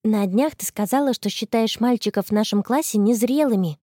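A woman's voice: fairly high pitch, fairly quick, mellow, no echo, natural voice. A woman voicing a skeptical teenage girl who mutters dry remarks. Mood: wry.

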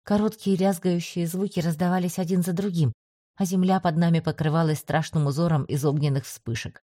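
Brief: woman audiobook narrator, steady first-person read, mellow tone, dry close sound. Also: lowish voice, a little fast, no echo.

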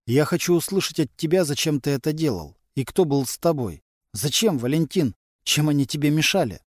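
A man doing a stern, measured police captain. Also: on the high side, expressive, no room sound, studio quality. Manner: firm, measured questioning. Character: calm, stern male police captain interrogating.

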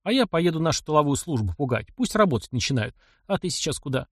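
A man's voice: fairly high pitch, sing-song, fast talker, slightly rough, dry recording. Man reading a wry, weary captain. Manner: dry, mocking. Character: weary, wry middle-aged male captain.

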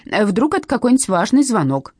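A clumsy, whiny young woman, voiced by a female narrator, fretting in a plaintive, flustered way. Her voice is husky and swoops widely, recorded dry and close. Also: fairly high pitch, big pitch swings, fast talker, darkish tone, no room sound, pitched above the performer's own voice.

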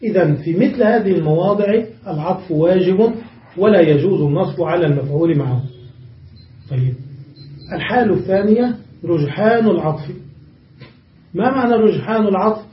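Male teacher, high voice, asks rhetorical questions, dull echoey room, mic at a distance. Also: animated, fairly quick, pauses often. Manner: explains step by step with rhetorical questions. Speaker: Arabic grammar teacher. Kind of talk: classroom grammar lesson.

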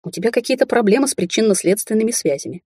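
A woman's voice: fairly high pitch, expressive, racing, darkish tone, slightly rough, no echo, studio quality, pitched above the performer's own voice. A woman reading the lines of a hot-tempered young Chinese man, a rich heir, in an audiobook. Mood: angry.

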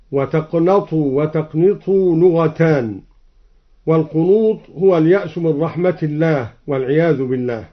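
A man with an Egyptian accent teaching Quran recitation, explaining each reading and then chanting it slowly. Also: a little high. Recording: dull old radio broadcast.

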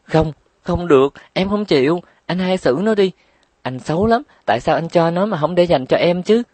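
A man's voice: medium pitch, expressive, normal speed, darkish tone, no echo, voice pushed up, lightly acted. A man voicing a little sister who cries, tattles and begs for her share. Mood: whiny. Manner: crying, pleading, tattling. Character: tearful, greedy little sister.

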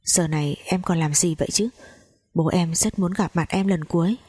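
A steady young man tries to calm his girlfriend with soothing, urgent words. The voice is low and husky. A woman storyteller voices him. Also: moderate pace, dry recording, clean studio sound.

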